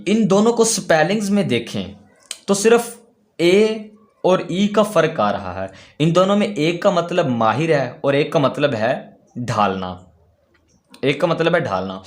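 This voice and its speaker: A man teaching a class, patiently asking his own questions and repeating each key word slowly. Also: fairly high pitch. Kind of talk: classroom lesson.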